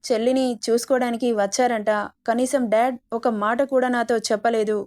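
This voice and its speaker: A woman's voice: a little high, steady tone, normal speed, a little mellow, close to an everyday voice. A woman voicing a playful, possessive young husband in a read-aloud romance story, teasing and sometimes curt. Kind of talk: storybook dialogue reading.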